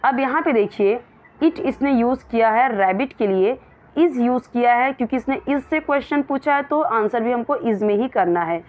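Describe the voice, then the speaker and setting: A woman teaching English in Hindi, reading example sentences slowly and explaining each word. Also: fairly high pitch. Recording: dull lo-fi recording.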